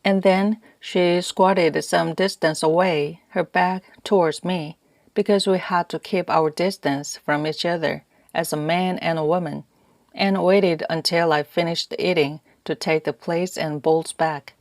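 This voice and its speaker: Woman, lower voice, calm measured narration, dry close audiobook sound. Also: dry recording. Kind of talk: scripted first-person narration.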